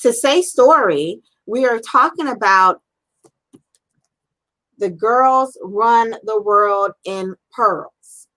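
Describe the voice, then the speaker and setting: A woman's voice: a little high, animated, extremely slow, pauses often, fairly bright tone, rough recording. A woman hosting a live-streamed interview, talking in an effusive, upbeat and encouraging way. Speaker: interview host.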